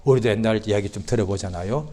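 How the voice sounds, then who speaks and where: A male pastor preaching a sermon, swinging from quiet asides to loud impassioned cries and acting out the voices of doubters. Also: on the low side, fast, slight background noise. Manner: acts out quoted voices of doubters. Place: church sanctuary.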